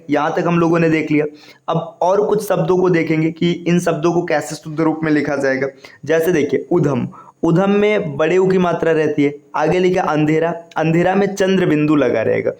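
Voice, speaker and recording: Man, exam-prep teacher, slightly high voice, patient repetitive explanations, echoey room. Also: darkish tone. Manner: repetitive, explanatory, frequent tag questions. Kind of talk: exam-prep spelling lesson.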